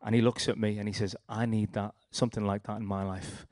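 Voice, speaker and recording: A young man with a Liverpool accent tells his personal testimony in a rambling, storytelling way. His voice sits fairly low, and the recording is dry and close. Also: flat delivery, fairly quick, a little mellow, no room sound. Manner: rambling, storytelling with restarts and acted quotes. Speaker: speaker sharing a testimony.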